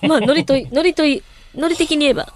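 A woman's voice: high voice, animated, fairly quick. A woman co-hosting a radio show, presenting, reading out listener mail and chatting along with brief responses. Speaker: radio show co-host and singer.

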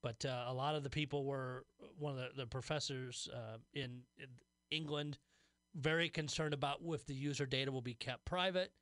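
A man's voice: mid-range voice, steady tone, moderate pace, fairly bright tone, no echo. Wry man reading tech news on radio. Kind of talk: reading and discussing news stories on talk radio.

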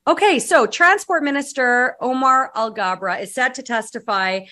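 A woman's voice: high-pitched, moderate pace, sharp tone. A woman guest-hosting a radio talk show, chatty and sarcastic, with frequent restarts.

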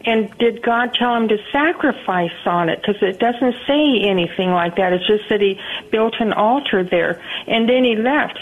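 An older woman calling in over a thin, phone-filtered line. She chats at an ordinary pitch and stops and restarts her sentences often as she works out her question. The sound is narrow and tinny, as a caller heard on radio. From Southern California. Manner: chatty, halting, with many restarts.

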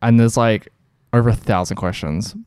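A man's voice: fairly low pitch, normal speed, darkish tone, smooth, dry recording. A young man co-hosting a podcast, rambling through casual chat from a living room, laughing often and swearing casually. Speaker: podcast co-host.

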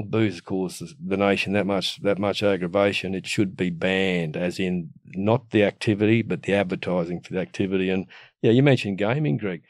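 Blunt, matey Australian bloke, low-pitched. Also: male voice, darkish tone, no room sound. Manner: blunt, matey, earthy Aussie tradesman way of talking with slang and mild swearing. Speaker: guest giving opinions. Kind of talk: casual opinionated rant.

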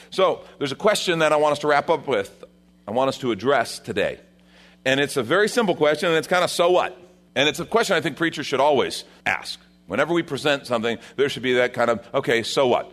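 Pastor guy preaching at the pulpit mic, everyday pitch, chatty sermon style, goes up for emphasis then drops way down quiet. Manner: conversational preaching, rising with emphasis then dropping low. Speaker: senior pastor.

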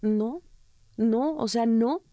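A woman's voice: fairly high pitch, drawn-out words, mellow, no echo, studio quality. A Mexican woman with a Mexican accent, an interview guest telling her story earnestly and emotionally, often restarting her sentences. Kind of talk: candid personal interview.

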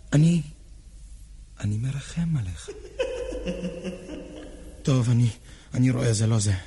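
A frantic, pleading, husky man. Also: on the high side, mellow. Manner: rambling, pleading, stammering, with nervous laughs. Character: anxious, pleading, earnest middle-aged man. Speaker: stage or radio drama actor. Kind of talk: theatrical drama acting.

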